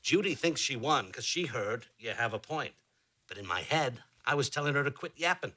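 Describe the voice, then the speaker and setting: A middle-aged actor playing a sarcastic, lazy husband in a sitcom, tossing out deadpan asides. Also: male voice, mid-range voice, a little fast. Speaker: son-in-law in a sitcom. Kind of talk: sitcom acting.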